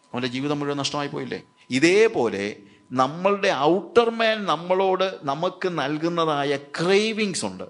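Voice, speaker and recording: A man preaching a sermon. He keeps asking the audience questions and then answers them himself. English words run through his speech. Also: fairly high pitch. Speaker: evangelist preacher.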